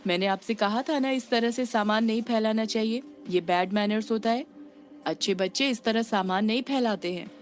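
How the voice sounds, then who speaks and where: A woman's voice: fairly high pitch, moderate pace, faint music behind, voice pushed up, natural voice. A woman voicing a dutiful, apologetic female housekeeper who speaks politely to her employer. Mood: scolding gently. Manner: polite, deferential.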